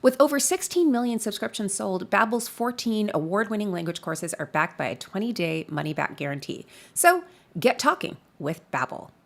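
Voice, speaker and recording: A woman's voice: medium pitch, expressive, normal speed, vocal fry, fairly bright tone. A woman podcast co-host reading a sponsor ad with upbeat, emphatic delivery on a close studio mic. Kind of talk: host-read ad.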